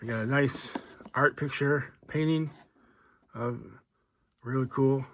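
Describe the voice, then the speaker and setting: Man, casual toy review, rambling, fillers, mid-pitched voice. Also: takes it slowly, slight background noise. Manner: relaxed, rambling, many fillers.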